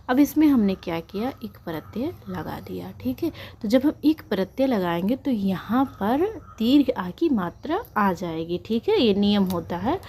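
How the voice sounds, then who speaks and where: A woman's voice: mid-range voice, slight background noise. A woman teacher giving an online lesson, asking questions and then answering them herself.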